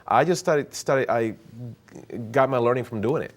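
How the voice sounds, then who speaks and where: A man, a cinematographer guest chatting casually in an interview, animated and often restarting and repeating words. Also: medium pitch, moderate pace.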